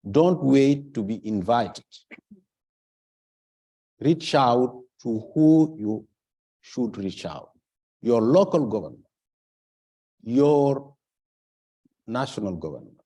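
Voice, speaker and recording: Slow, deep-voiced man from Senegal. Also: mellow. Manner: halting, searches for words, stresses key points. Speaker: panelist. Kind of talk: conference panel remarks.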